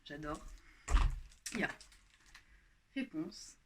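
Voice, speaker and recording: A woman's voice: deep voice, animated, slow pace, background noise. A young woman chatting casually through a haul vlog, with many fillers and restarts. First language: French. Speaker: YouTuber showing her haul.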